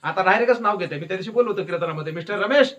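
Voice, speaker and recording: Bright, high-voiced preacher man. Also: rapid-fire. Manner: lively, asks questions and answers them himself. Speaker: kirtan preacher. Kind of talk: devotional discourse with storytelling.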